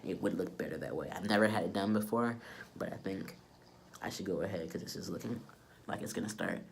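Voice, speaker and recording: A young male vlogger with a low voice gives a casual update to the camera, sounding sick, stuffed up, and nasally congested. His energy is subdued, there's some vocal fry, and the recording has noticeable noise.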